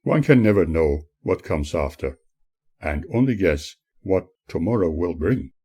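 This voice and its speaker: A man reads his own spiritual audiobook as its author, earnest and preachy with measured phrasing. His voice is low-pitched, mellow and husky.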